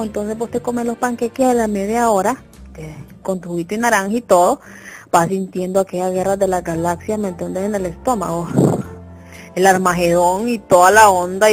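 A young woman performs a comic monologue in a medium-pitched voice. She talks in a chatty, exaggerated way and keeps checking that her listener follows. Faint music sits behind her. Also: darkish tone. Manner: chatty, exaggerated, keeps asking "you get me?". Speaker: comedian.

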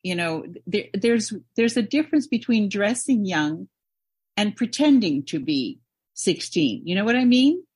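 A woman's voice: mid-range voice, sing-song, a little slow, darkish tone, slightly rough, dry recording. A woman in her seventies from Canada, a model and podcast guest, tells her story in a candid, reflective way. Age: 70s. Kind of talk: interview storytelling.

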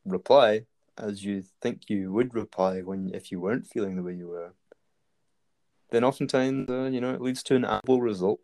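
A man's voice: fairly low pitch, normal speed, darkish tone. A man talking casually and rambling, with many fillers and restarts. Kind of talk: casual conversation.

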